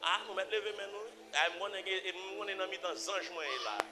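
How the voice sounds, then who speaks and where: A man with a Haitian accent preaching a sermon, repeating phrases and swinging from low murmurs to loud emphatic cries. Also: fairly even intonation, fairly quick. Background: music.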